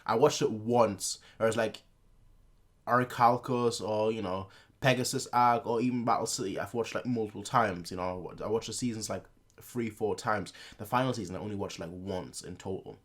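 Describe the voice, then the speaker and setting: In a lowish voice at a moderate pace, a young man hosts a reaction video. His chat is loose and rambling, packed with filler words and restarts.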